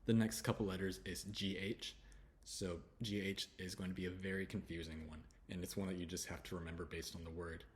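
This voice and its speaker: Deep-voiced man teaching pronunciation. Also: slight background noise. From United States. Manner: relaxed, repeats sounds slowly, chatty asides. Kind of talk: slide-based pronunciation lesson.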